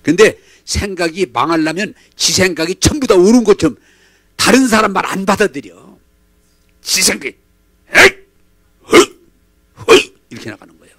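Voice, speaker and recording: A man's voice: high-pitched, a little fast, no room sound. A male pastor preaching a sermon dramatically and having the congregation repeat his lines. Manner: animated, dramatic, leads call-and-response. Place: church.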